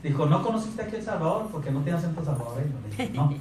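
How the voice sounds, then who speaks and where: Here a thirties-aged man with a Mexican accent rattles off an energetic sales motivation speech at very high speed, handheld mic in hand, throwing questions at the audience in a meeting room by a projector screen. His voice is slightly high. Recorded far from the mic in a reverberant room, the audio carries a little hiss or hum.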